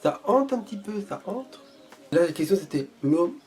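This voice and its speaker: A high-pitched, expressive man talks at a moderate pace in a relaxed vlog. He's learning Portuguese, trying foreign phrases aloud and repeating them, all in a playful, mock-boastful spirit.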